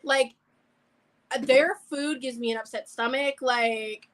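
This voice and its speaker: A woman's voice: high voice, takes it slowly. A young woman chatting casually on a livestream, blunt and opinionated. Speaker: livestream co-host. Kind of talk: casual chat.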